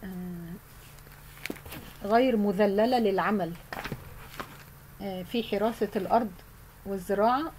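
A woman with an Egyptian Arabic accent teaching Quran memorization, explaining in casual colloquial speech and reciting verses slowly. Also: medium pitch, a little mellow, a little hiss or hum, rough recording.

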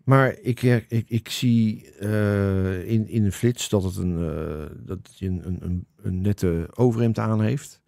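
A man hosting a podcast, in casual chat, telling a story in a halting, searching way. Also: on the low side, creaky, a little mellow, no room sound, studio quality. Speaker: podcast host.

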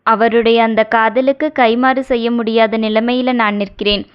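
A woman's voice: on the high side, flat delivery, unhurried, smooth, lightly acted. A woman voicing a young wife who is anxious, tearful and blames herself, read in an audio novel. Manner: pleading, guilt-ridden. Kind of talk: audio novel character reading. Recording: dull lo-fi recording.

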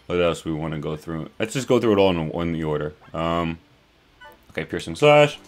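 A man's voice: low-pitched, animated, moderate pace, soft background music. A young man casually walking through a game character's moves as a tutorial host, enthusiastic and rambling with laid-back slang. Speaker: gaming channel host.

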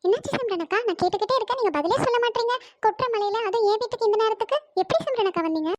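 Cartoon: woman voicing a stingy, bossy housewife; very high, fast, nagging. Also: lively intonation, a little mellow. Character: bossy, penny-pinching married housewife neighbor. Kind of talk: cartoon comedy voice acting.

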